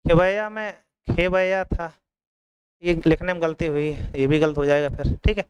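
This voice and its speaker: A man's voice: on the high side, fairly even intonation, moderate pace, clean tone, no echo, poor audio. A man teaching an exam coaching lesson, repeating each word and often checking in with his students.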